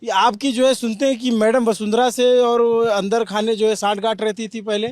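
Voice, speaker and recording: A man's voice: very high voice, little pitch movement, moderate pace, a little mellow, dry recording, clean studio sound. A man interviewing casually in a comic mock interview, probing with short follow-up questions.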